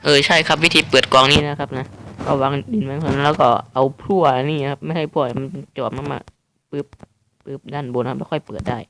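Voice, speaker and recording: Casual gaming host, male, chatty and rambling, gravelly timbre, faint noise on a phone recording. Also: on the high side, fairly even intonation, brisk. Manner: chatty, loose, frequent fillers. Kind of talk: casual game commentary. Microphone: playing on a mobile phone, no headphones.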